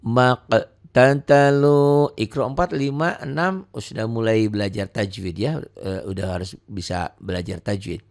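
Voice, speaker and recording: A man teaching Quran reading in a casual lesson, drawing out example words slowly between quicker explanations. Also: creaky. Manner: often trails off soft and low at ends of phrases.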